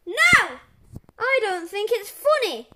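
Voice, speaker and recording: A woman's voice: very high-pitched, a little slow. Woman doing a sarcastic grumpy principal. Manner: loud, sarcastic. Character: grumpy strict male school principal.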